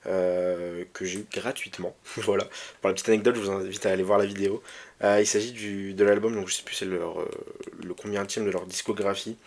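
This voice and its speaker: Man, lowish voice, hesitant, lots of fillers, enthusiastic, casual vlog, faint background noise. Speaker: vinyl collector presenting his records.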